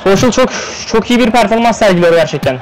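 A man calling an online football game play by play, firing off player names and bursting out in excitement at the goals. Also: high-pitched, fast, faint music behind, rough recording. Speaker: play-by-play commentator. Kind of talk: live esports play-by-play commentary.

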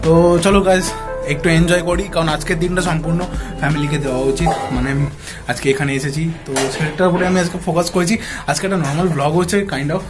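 A chatty young-sounding man talks his viewers through a family visit in a casual vlog. His voice sits a little high, and loud background music plays under it the whole time. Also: fairly even intonation, a little fast. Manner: chatty, addresses viewers as guys, mixes in English words. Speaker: vlogger. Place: family home and shop, indoors.

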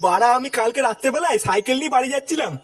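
A man's voice: very high voice, lively intonation, racing, slightly rough, heavily acted. A man voicing a hot-tempered, coarse father in a cartoon who scolds and grumbles. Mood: grumbling.

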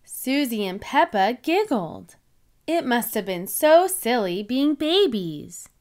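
A woman reading a children's picture book aloud in an expressive, animated way. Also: a little high, slow. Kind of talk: storybook read-aloud.

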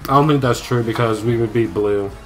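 A man riffs through the end credits of a game, cracking jokes and mangling names. His voice sits at a middle pitch, with faint game music playing underneath. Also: fairly quick. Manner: joking, reads credit names aloud with asides and laughs. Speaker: let's play co-host. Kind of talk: casual gaming commentary.

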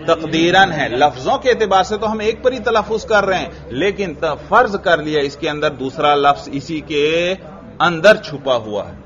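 Male teacher from Pakistan, Pakistani Urdu accent, slightly high voice, questions his class as he lectures, dull lo-fi recording. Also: a bit bright. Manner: asks the class questions and repeats answers.

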